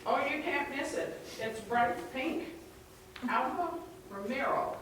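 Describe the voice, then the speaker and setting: A woman's voice: high voice, slow, fairly bright tone. A woman acting a nosy, persistent photographer who fires pointed questions in a comic amateur stage play. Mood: probing. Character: nosy, persistent female celebrity photographer questioning diner staff. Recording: distant echoey hall, noisy, clicks.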